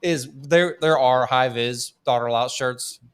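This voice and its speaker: Slow and smooth, this man's medium-pitched voice has a fairly bright tone. As a co-host on a monster truck podcast, he chats casually, bluntly and in a relaxed way, chuckling while he talks.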